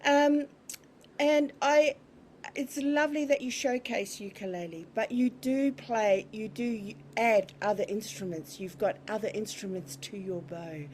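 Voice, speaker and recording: A woman hosting an interview, encouraging her guest with slightly halting phrasing. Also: mid-range voice, darkish tone. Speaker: host. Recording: faint background noise.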